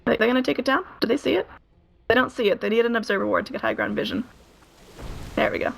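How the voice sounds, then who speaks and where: A woman calls an esports match live, her hoarse voice a little high and bright as she narrates at a quick pace. She keeps the play-by-play running, peppered with frequent "uh" fillers. The audio quality is poor.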